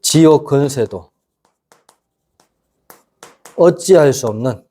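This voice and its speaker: A middle-aged pastor preaching a casual youth sermon, constantly asking the congregation whether they agree. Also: male voice, mid-range voice, animated, takes it slowly, warm tone, husky. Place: church youth service.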